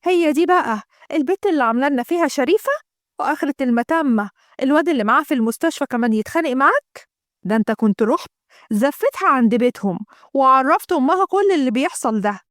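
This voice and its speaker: A woman's voice: high-pitched, lively intonation, quick pace, no echo, studio quality. A woman voicing a spiteful, scheming Egyptian mother who eggs on her son. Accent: Egyptian Arabic. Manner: spiteful, scornful.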